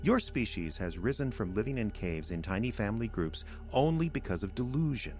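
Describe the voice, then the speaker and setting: For an audio drama, a man plays a cold alien villain in a low voice, lecturing with patient, measured condescension like a superior being contemptuous of humans. His delivery is a little mellow and sing-song, with faint music underneath.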